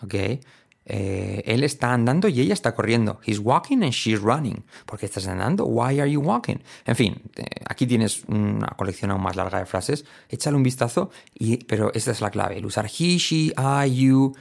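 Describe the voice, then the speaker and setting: A Spanish-man gives an English pronunciation lesson in a gravelly voice at a medium pitch. He explains in relaxed, everyday talk, then says the example words slowly and repeats them. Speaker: English teacher. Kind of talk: spoken language lesson.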